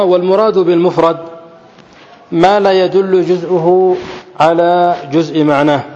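A man teaching a classical grammar text to a class, often asking his students questions and slowly repeating key phrases. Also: on the high side, a little mellow. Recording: dull audio with long hall reverb.

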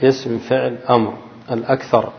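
A man teaching grammar to a class. He keeps asking prompting questions and answering them himself, and he slows down to read quoted lines aloud. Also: medium pitch, little pitch movement, creaky. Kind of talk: classroom lecture to students. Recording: echoey hall, dull lo-fi sound.

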